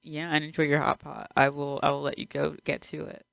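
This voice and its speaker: Giggly young woman, bright dry voice. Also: sits low, little pitch movement, fairly quick, vocal fry, no room sound. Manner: giggly, teasing, laughs often. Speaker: podcast co-host. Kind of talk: casual chat.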